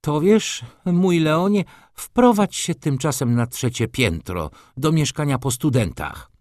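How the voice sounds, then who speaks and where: A man voicing a flustered aristocratic baroness who speaks in hurried, agitated bursts. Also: fairly high pitch, expressive, a little mellow, no room sound, studio quality, pitched above the performer's own voice. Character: flustered aristocratic lady, baroness, easily upset.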